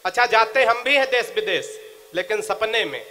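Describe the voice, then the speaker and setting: High bright-voiced joking man on stage. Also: expressive, moderate pace. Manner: joking banter with the crowd, chanted verse. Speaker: comic poet. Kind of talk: stand-up comic poetry at a live recital.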